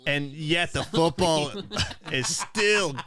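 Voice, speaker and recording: A man's voice: on the high side, crowd noise, pitched above the performer's own voice. A man putting on a sinister cartoon villain voice while reading chat messages aloud, drawling and giggly. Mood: gloating. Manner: exaggerated, drawn-out, giggly reading.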